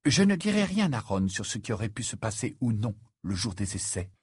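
A man voicing a clever, proud teenage girl who talks quickly, clipped and indignant. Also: fairly low pitch, very animated, husky, no echo, studio quality, full character voice. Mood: brisk.

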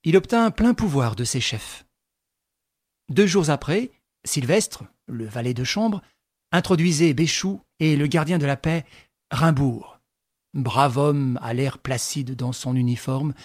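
A man narrating a novel in a measured, even storytelling manner. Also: mid-range voice, no room sound, clean studio sound. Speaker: audiobook narrator. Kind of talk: scripted narration.

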